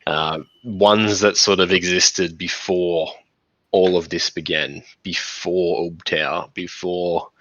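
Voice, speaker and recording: A man narrating a tabletop game as game master, pausing and searching for words as he describes the scene. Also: low voice, fairly even intonation, a bit bright, no echo. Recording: dull lo-fi recording.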